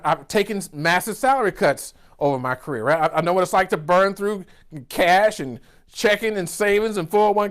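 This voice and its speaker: A man's voice: high voice, fairly bright tone. A man in his fifties with a Georgia accent, giving an exuberant, preacher-like motivational keynote and tagging his lines with "right?". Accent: Southern US (Georgia). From Georgia, USA. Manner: exuberant, preacher-like, with whoops and a constant "right?" tag. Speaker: business coach, keynote speaker.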